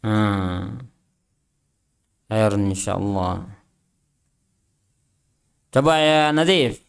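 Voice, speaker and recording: A man's voice: lowish voice, expressive, extremely slow, creaky, clear, resonant tone. A man teaching an Islamic study class. He reads Arabic text aloud, translates and explains it, and drills his students with short questions. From Indonesia. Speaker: religious teacher.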